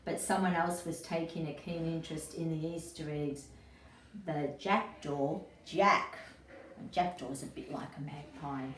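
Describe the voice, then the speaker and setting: A woman with a low, steady voice reads a children's storybook aloud at a measured pace, expressive like an educator who asks her young listeners questions. The mic is distant, leaving a roomy echo and faint noise.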